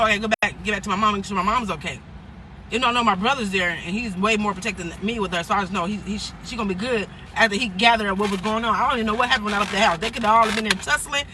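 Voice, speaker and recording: A woman with a mid-range voice races through a personal story while eating, with noise in the background. She's a vlogger rambling loosely, restarting and laughing as she acts out the people she quotes.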